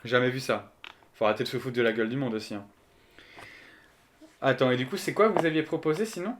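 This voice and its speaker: A man's voice: medium pitch, quick pace, a little hiss or hum. A man streaming live, chatting casually and joking as he thinks aloud and answers his chat.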